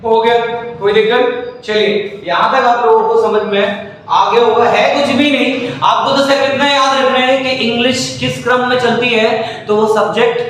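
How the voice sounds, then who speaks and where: A man's voice: very high voice, fairly even intonation, moderate pace, fairly bright tone, slight background noise. A man teaching English grammar to a class, repeating questions back to his students to check they understand. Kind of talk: classroom lecture. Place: coaching classroom. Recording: echoey room, mic far off.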